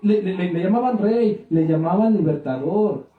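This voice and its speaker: High-voiced pastor in an echoey church. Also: male voice, moderate pace. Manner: animated, rising to exclaim prophecies. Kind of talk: sermon. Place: church hall. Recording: echoey phone-like sound from far off.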